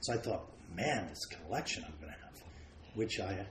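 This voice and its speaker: A man raised around the United States, a painter guest, telling frank, self-deprecating stories about his life in a relaxed way. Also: low voice, moderate pace, a little hiss or hum. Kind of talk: relaxed anecdotal storytelling. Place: large home studio. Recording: roomy studio with faint ambience.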